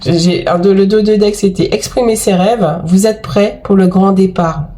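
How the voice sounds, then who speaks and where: A woman who reads tarot and oracle cards has a cold as she talks her viewers through a reading. Her medium-pitched voice is mellow and steady in tone at a moderate pace, though she's gushing and chatty, with lots of exclamations and fillers.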